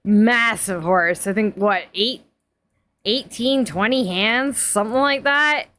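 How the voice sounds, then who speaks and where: A woman's voice: mid-range voice, slow pace, fairly bright tone. Chatty woman in her forties. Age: 40s. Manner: rambling, chatty, frequent laughs and fillers. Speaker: streamer. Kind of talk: casual chat.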